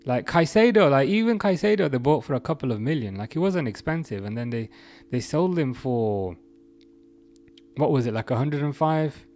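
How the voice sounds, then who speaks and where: Over soft background music, a young host of a relaxed football livestream reads out messages from viewers. His medium-pitched voice moves at a normal speed as he rambles and keeps restarting.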